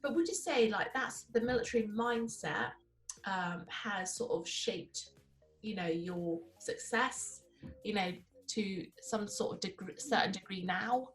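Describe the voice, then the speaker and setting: A woman's voice: medium pitch, animated, measured pace, echoey room, soft background music. A woman hosting an interview, chatty and teasing, laughing often. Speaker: interview host. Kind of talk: casual interview chat.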